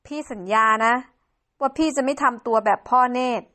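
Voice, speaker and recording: A devoted young man in a home-made game drama, soothing and reassuring his girlfriend, with a woman playing him. His voice stays fairly high. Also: normal speed, pushed and bright.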